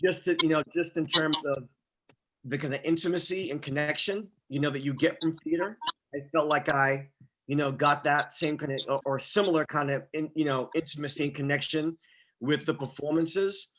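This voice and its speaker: On a video call microphone, an audience member gives casual spoken praise, rephrasing and repeating his words as he goes. His voice is on the high side and fairly bright, with fairly even intonation and a moderate pace.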